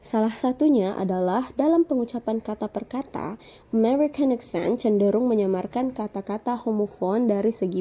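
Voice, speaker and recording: A woman lecturer giving a measured, explanatory scripted lesson narration. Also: fairly high pitch, dark tone.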